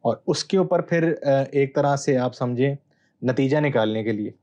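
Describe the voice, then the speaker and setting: A man, a Bible scholar guest, explaining texts in a measured, teacherly way with hesitant pauses. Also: mid-range voice, a little mellow, highs cut off. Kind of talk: explanatory interview answer.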